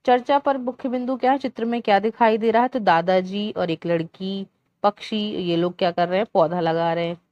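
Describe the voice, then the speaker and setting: A woman teacher slowly walking young children through a Hindi workbook lesson, sounding out syllables clearly one by one. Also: mid-range voice, a little mellow, no echo, lo-fi sound. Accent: Indian Hindi.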